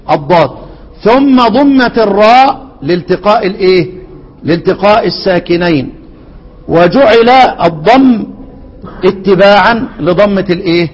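A man with an Egyptian accent teaching a lesson on Quran readings, quizzing his students with rhetorical questions and slowly repeating words. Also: high voice, long reverb tail, poor audio. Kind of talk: lesson explaining a classical poem on Quran readings.

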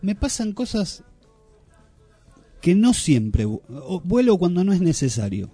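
A man's voice: high voice, unhurried, breathy edge, no echo, faint music behind. A man with a Rioplatense accent hosting a radio show, chatting casually and joking with his co-host. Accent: Rioplatense Spanish. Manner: joking, relaxed banter. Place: radio studio.

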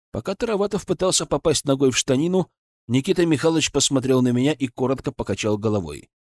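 A man's voice: medium pitch, no room sound, clean studio sound. A man narrating a first-person adventure novel as an audiobook with dramatic reading.

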